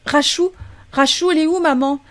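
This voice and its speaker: A woman's voice: high voice, fairly even intonation, moderate pace, a bit bright, pitched above the performer's own voice. A woman voicing a clingy little boy who pleads and whines. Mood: whiny pleading. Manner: pleading, whining.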